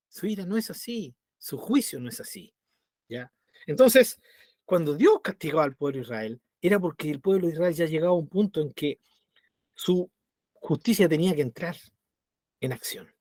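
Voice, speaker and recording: A man's voice: on the high side, moderate pace, pauses often, dry recording, clean studio sound. A man with a Chilean accent teaching a Bible study in a conversational way, often checking in with his listeners and acting out little voices. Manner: animated, acts out voices.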